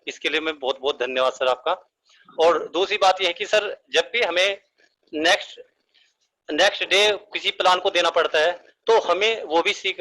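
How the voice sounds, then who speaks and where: A man speaks over a phone line, calling in to share what he has learned, polite and full of "sir". His voice is fairly high and bright, with a forceful edge. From northern India. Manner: polite and deferential, says "sir" often. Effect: heard over a phone line with a weak network. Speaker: caller sharing his experience. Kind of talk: casual spoken testimony.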